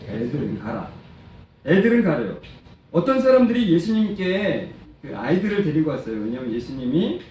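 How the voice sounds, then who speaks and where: A man's voice: sits high, big pitch swings, fairly quick, a little mellow. A man preaching a sermon to children and adults, quizzing the congregation and acting out quotes. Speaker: preacher and praise-song lyricist. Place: church sanctuary. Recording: echoey church hall, distant mic, faint noise.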